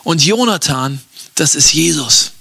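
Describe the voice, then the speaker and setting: A man gives a devotional message in a casual, enthusiastic tone with a fairly high voice. His delivery is bright and lively, and the sound is dry and close to the mic. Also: unhurried, vocal fry, husky, dry recording. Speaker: preacher. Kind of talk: devotional sermon.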